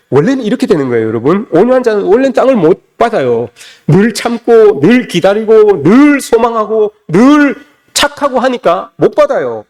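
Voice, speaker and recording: A male pastor delivers an emphatic sermon in a fairly high voice that rises and falls with lively swings. He repeats his points and keeps turning to the congregation with rhetorical questions. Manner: emphatic preaching, repeats phrases, addresses listeners as "여러분".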